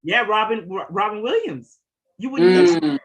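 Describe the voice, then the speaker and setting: A man's voice: high voice, a little slow, rough recording. A man co-hosting a podcast in a casual chat, asking his guest questions. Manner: asks questions, lively. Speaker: podcast co-host.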